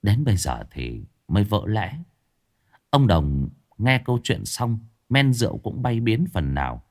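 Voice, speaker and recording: Male ghost story narrator, low voice, lively pitch swings, faint music underneath. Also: unhurried. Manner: expressive, swinging pitch for suspense.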